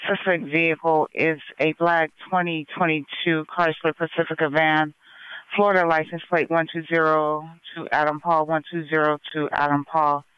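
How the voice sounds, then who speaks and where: A man working as a police dispatcher who reads out vehicle descriptions, plates and incident numbers in a steady, businesslike way over a scanner radio crackling with static. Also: on the high side, normal speed, clean tone, dry recording, lo-fi sound. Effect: police scanner radio with static bursts.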